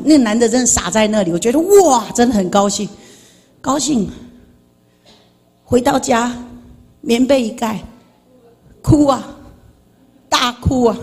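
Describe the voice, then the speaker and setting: Middle-aged woman, slightly husky and high-pitched, delivering a lively church testimony with big dynamic swings. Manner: animated, swings between loud outbursts and quiet confession. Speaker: guest giving a personal testimony. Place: church sanctuary.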